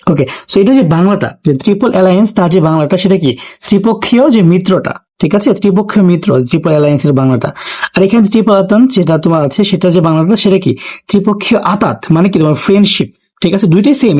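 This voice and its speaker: Young male tutor, high-ish voice and brisk pace, talks straight to students, solves questions step by step, drops in English words. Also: darkish tone. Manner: explains step by step, addresses students directly. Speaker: teacher. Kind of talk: exam question solving lesson.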